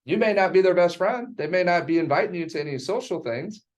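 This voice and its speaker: A man's voice: sits high, lively intonation, fast. A man teaching a real estate sales class in an emphatic, teasing way.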